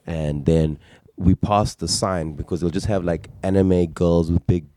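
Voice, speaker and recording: A man's voice: low-pitched, steady tone, measured pace, dark tone, dry recording. A man hosting a casual podcast chat, firing off eager questions and swearing a lot. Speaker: podcast host.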